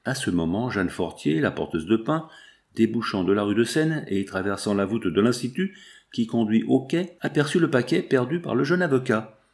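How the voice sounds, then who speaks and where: A man reading a novel aloud in a steady, expressive way. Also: medium pitch, normal speed, vocal fry. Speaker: audiobook narrator.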